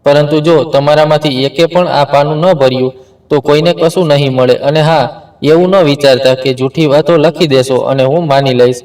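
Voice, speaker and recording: A man's voice: a little high, steady tone, moderate pace, darkish tone, distant mic, lightly acted. A man voicing a grave, firm older father. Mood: stern.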